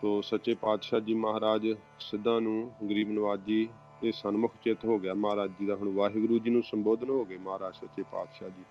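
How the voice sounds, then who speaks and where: A man teaching scripture reading, reciting verses slowly and marking where to pause. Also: lowish voice, level tone. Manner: slow, measured recitation of verses with pause instructions. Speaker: Gurbani teacher. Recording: dull lo-fi recording with faint music.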